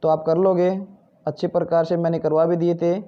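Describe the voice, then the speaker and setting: This Hindi teacher speaks briskly in a level tone, his voice on the high side and the audio dull. Patiently going over textbook exercises, he asks questions, answers them on his own, and keeps repeating "ठीक है" and "भाई".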